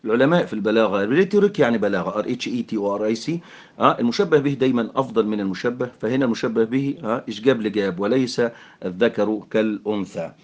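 A man with an Egyptian accent teaching English grammar in Arabic, mixing in English terms and filling pauses with "aah". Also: fairly low pitch, animated, a little mellow, highs cut off. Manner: explanatory, mixes English terms, frequent fillers.

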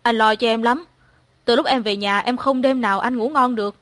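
Woman reading a gentle young man, soft, coaxing, tender, fairly high voice, dry recording. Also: fairly quick, dry recording, natural voice. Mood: tender, pleading.

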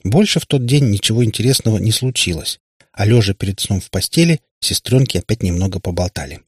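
A man narrating an audiobook in a calm, even storytelling manner. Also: lowish voice, fast, husky, no echo. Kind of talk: scripted narration.

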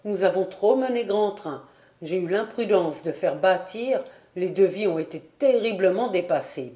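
A woman's voice: lowish voice, warm tone, reverberant. Woman reading as a breezy, proud painter father. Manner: light, brisk, then cold and clipped.

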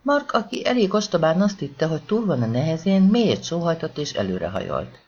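A man narrating a crime novel as an audiobook with an expressive, dramatic reading. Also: fairly high pitch, slight background noise. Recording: dull lo-fi audiobook recording.

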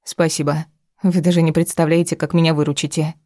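A woman's voice: low-pitched, flat delivery, brisk, mellow, dry recording, clean studio sound, lightly acted. A woman voicing a spiteful, tearful wife in an audiobook, alternately pleading and lashing out. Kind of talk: audiobook character reading.

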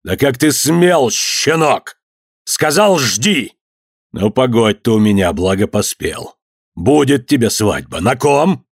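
Stern bossy old merchant dad barking gruff orders, a guy reading it, loud and mocking, dry close sound. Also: mid-range voice, big pitch swings, takes it slowly, dry recording, heavily acted. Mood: wrathful. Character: stern domineering old merchant father, wrathful.

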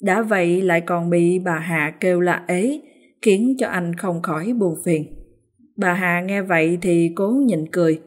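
Brief: female storyteller, scripted narration, lower register. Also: measured pace. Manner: even, storytelling.

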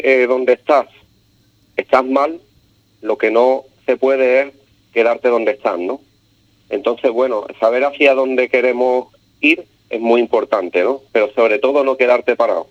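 A man's voice: mid-range voice, a little slow, muffled recording. A man with an Andalusian Spanish accent, telling moral stories on radio in a hesitant way, with many fillers and restarts. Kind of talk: casual storytelling on radio.

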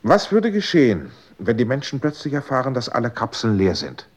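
A man's voice: medium pitch, big pitch swings, brisk, slightly rough. An actor playing an anxious, pleading man in a 1960s radio drama.

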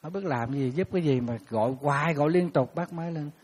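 A monk giving a casual dharma talk, telling stories in an animated way and acting out the people who call him. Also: male voice, a little high, quick pace. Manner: animated storytelling, acting out callers. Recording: hall reverb.

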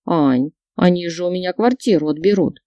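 A woman's voice: fairly low pitch, moderate pace, dark tone, dry recording, natural voice. A woman voicing a nagging, manipulative middle-aged mother who scolds and reproaches her daughter. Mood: scolding.

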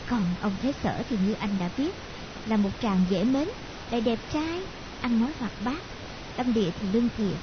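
A woman's voice: on the high side, expressive, normal speed, natural voice. A woman voicing a worried young woman confiding chattily to a friend, in a hissy lo-fi audiobook recording. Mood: fretful.

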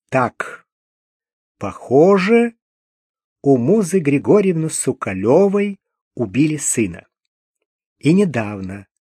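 Man reading an audiobook, slow and wry, dry close sound, voice a bit high. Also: darkish tone, slightly rough, dry recording. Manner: wry, dry irony in inner monologue. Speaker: audiobook narrator. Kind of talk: scripted narration.

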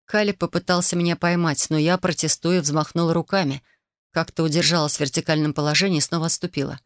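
A woman's voice: deep voice, fairly even intonation, quick pace, no echo, studio quality. Woman narrating a romance audiobook. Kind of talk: first-person scripted narration.

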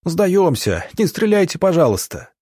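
A man's voice: high-pitched, very animated, moderate pace, dark tone, slightly rough, no echo, studio quality, voice pushed up, full character voice. A man voicing a terrified young student in an audiobook, trembling and pleading through tears. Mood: frightened.

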